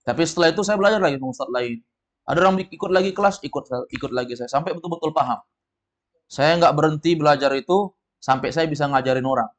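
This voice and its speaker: A man teaching an Arabic class in a casual, patient way, reassuring his students and slowly modeling pronunciation. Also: a little high.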